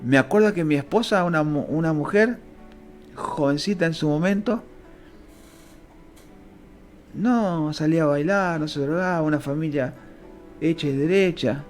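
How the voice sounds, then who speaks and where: A man with a Rioplatense Spanish accent delivers a fervent, emotional Bible sermon, his pitch swinging from low to high. He talks at a normal speed, with faint music in the background.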